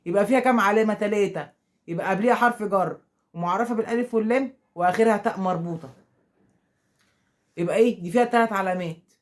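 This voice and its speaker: A man with an Egyptian Arabic accent teaches grammar to school pupils in a high-pitched, rapid-fire voice, pausing often. He keeps posing questions, answers them himself, and acts out the pupils' objections.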